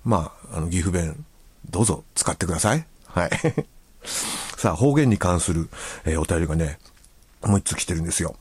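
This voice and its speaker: A man's voice: sits low, expressive, moderate pace, pauses often, darkish tone, breathy edge, dry recording. A male radio host chatting casually and reading listener letters, with a chatty, easygoing manner and frequent filler words.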